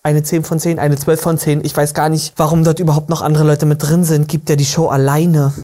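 Low-voiced gushing woman commentator. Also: brisk. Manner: gushing, excitable, chatty. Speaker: podcast host. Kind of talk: casual reaction commentary.

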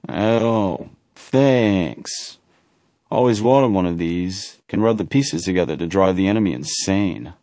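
A man's voice: on the low side, expressive, measured pace, hardly any pauses, darkish tone, no room sound, pitched above the performer's own voice. A man voicing a sarcastic, weary male soldier stuck inside through winter, with a dry, sarcastic delivery.

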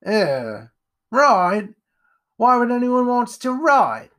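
A man voicing a cheeky young male street newsboy with a quick, saucy manner. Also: very high voice, huge pitch swings, a bit bright, full character voice.

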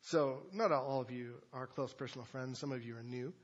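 A man's voice: mid-range voice, moderate pace, lo-fi sound. A man preaching a sermon as pastor, talking in a conversational way with loose asides and fillers. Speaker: pastor teaching a sermon series.

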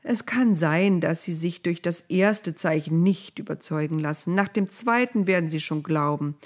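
Storybook God, solemn and insistent, slightly low voice, woman reader doing it. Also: close to an everyday voice. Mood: firm. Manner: solemn, deliberate, repetitive proclamations. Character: God speaking from a fire, patient, solemn, insistent. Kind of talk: storybook reading.

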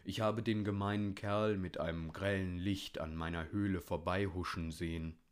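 A man's voice: low voice, fairly even intonation, normal speed, smooth, natural voice. A man voicing an indignant old male badger in a children's storybook. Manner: indignant, emphatic.

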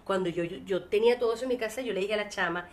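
A woman with a Venezuelan accent, a singer as interview guest, telling her story in a lively way and acting out the voices she quotes. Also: medium pitch, racing.

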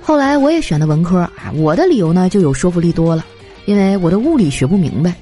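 A young woman telling comic anecdotes in a chatty, animated way, slipping into voices for the people in her stories. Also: lowish voice, fast talker. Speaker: comedy storyteller. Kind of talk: scripted comic monologue. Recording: light background music. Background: faint music.

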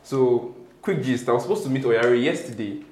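A man hosting a casual podcast, relaxed and teasing, often repeating his words. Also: mid-range voice, a little fast, background noise. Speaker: podcast host.

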